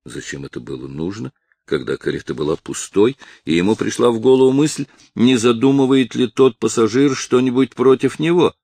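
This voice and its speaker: A man narrating a novel with expressive storytelling. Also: mid-range voice, normal speed, dry recording. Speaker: audiobook narrator. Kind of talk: scripted narration.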